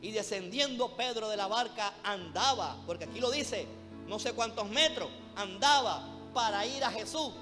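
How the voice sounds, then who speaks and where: Man, fervent preacher, high voice, church hall echo, music underneath. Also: moderate pace. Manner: fervent, keeps calling listeners "brother", rhetorical questions. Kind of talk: sermon. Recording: long hall reverb with music behind.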